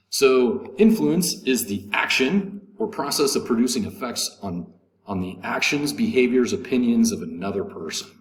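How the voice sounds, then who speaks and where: A man teaching English vocabulary, slowly repeating words and stressing syllables, with frequent ums. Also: lowish voice. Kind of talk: vocabulary lesson recording. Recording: echoey room with faint noise.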